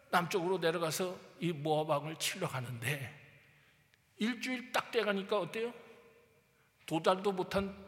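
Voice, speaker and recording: A man's voice: high-pitched, fairly bright tone, in a large hall. A male pastor preaching a sermon emphatically, prodding his listeners with rhetorical questions and acting out Bible figures. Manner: acts out Bible figures in quoted speech.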